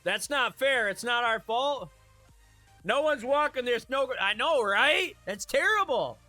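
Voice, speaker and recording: Chatty streamer guy, high-pitched, close dry mic. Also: lively intonation, unhurried, sharp tone, dry recording, faint music behind. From Michigan. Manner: chatty, laughs at his own jokes. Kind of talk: live stream chat with viewers.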